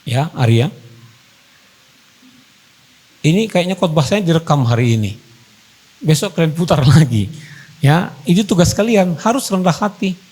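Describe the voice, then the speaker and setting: A male pastor delivers a wedding sermon in a high voice. He hammers home key phrases by repeating them. He drops into quiet, personal counsel to the couple, then rises into full preaching. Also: lively intonation, a little slow, long pauses, slightly rough, low-quality recording.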